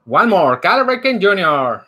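A man hosting a card break, announcing each card by player and team in a slow, animated way. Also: high voice. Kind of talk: calling out cards during a live card break. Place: indoor room lined with card displays.

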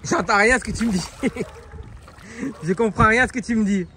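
High-voiced French man coaxing a child. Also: brisk, bright, forceful tone, slight background noise. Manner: repetitive coaxing calls to a child, often laughing. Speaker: father filming his daughter. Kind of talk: family vlog narration. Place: sandy beach by the sea, outdoors.

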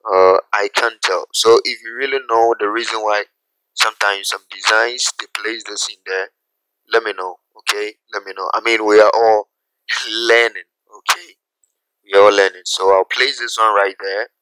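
A man teaching a graphic design software tutorial, talking through each step slowly and checking in with "okay?" as he goes. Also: fairly low pitch, steady tone, smooth, no room sound, low-quality recording. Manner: unhurried, repeats steps, asks "okay?" often. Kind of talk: screen-recorded software tutorial.

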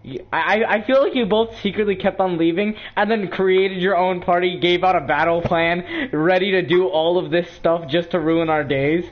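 A man chatting and shouting with friends during an online game, laughing often and getting exasperated. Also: high-pitched, moderate pace, few pauses. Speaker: gaming channel host. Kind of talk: casual gaming chat with friends. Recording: dull lo-fi voice chat.

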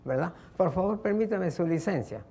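A man's voice: high voice, expressive, moderate pace, vocal fry, mellow, husky, exaggerated voice. A man playing a stern traffic inspector who demands papers and fishes for a bribe. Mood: bossy. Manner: bossy, official. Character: male traffic inspector, stern but bribable.

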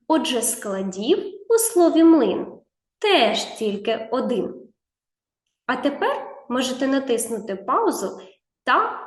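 A woman with a fairly high, reverberant voice teaches young children to read in a video lesson. Addressing the child directly, she stretches out sounds, walks through each step patiently, and offers plenty of encouragement.

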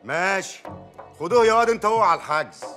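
An actor playing a bossy middle-aged village mayor who gives orders and mocks people in an Egyptian accent, with a husky voice. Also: male voice, sits high, expressive, quick pace, bright, forceful tone, soft background music. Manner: commanding, blustering, mocking.

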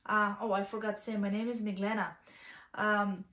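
A Bulgarian fashion vlogger in her thirties chats casually in her small living room, her Bulgarian accent noticeable and her speech full of ums and uhs. Her medium-pitched voice is flat, fairly bright, at normal speed. The camera's built-in mic a few feet away picks up a reverberant sound.

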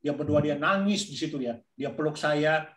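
A man hosting a church talk show, telling a testimony in a slightly raised voice. He rambles and pauses on fillers as he goes. The room gives his voice a roomy echo. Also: a little high, fairly bright tone. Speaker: ministry host.

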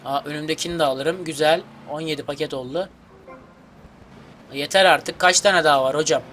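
A man giving let's play commentary as a gaming YouTuber, excitable and grumbling, cursing at the game. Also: a little high, moderate pace, a little hiss or hum.

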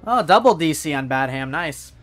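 A man's voice: fairly high pitch, animated, normal speed, soft background music. A man streaming a video game with casual, sarcastic live commentary. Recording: clear background game noise. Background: video game ambience.

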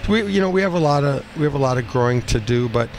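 A hockey coach in his fifties gives an unscripted postgame interview, speaking bluntly and haltingly at medium pitch and often repeating phrases. He's in a small cinder-block room at a rink, recorded on a headset boom mic amid a steady background din.

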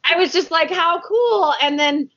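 A woman hosting a podcast, telling stories in a lively way and acting out what people said. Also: extremely high pitch, measured pace. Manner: animated storyteller who acts out quotes. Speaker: podcast host. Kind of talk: casual podcast chat. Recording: dull lo-fi audio.

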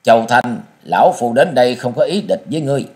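A man voicing a mysterious old male martial master who speaks coldly and dryly from hiding, with loud, booming laughter. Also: expressive, fast talker, close to an everyday voice. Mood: cold, mocking. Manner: cold, dry, booming laughter.

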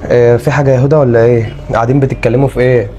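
An actor playing a protective, earnest Egyptian husband and brother who speaks with an Egyptian Arabic accent. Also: male voice, mid-range voice, little pitch movement, very fast, mellow, highs cut off, soft background music, close to an everyday voice. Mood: reassuring. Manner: reassuring and earnest. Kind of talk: Egyptian web drama acting.

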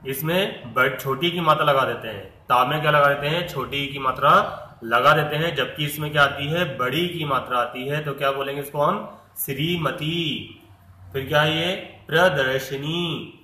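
A man's voice: on the high side, a little fast, pushed and bright, echoey room, poor audio. A man teaching pronunciation, asking rhetorical questions and answering them while stretching words out. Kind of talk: slow, deliberate Hindi pronunciation lesson.

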